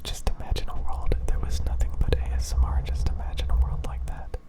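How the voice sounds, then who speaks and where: ASMR whisper, breathy and unvoiced, rambling, halting delivery, repeated phrases. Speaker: ASMR video creator.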